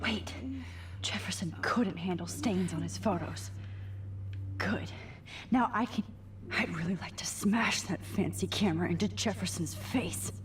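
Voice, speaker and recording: A woman playing a determined young student held captive in a video game, speaking with hushed, breathy, protective urgency. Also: mid-range voice, unhurried, noisy background, close to an everyday voice. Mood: tense, shaken. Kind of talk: dramatic video game acting.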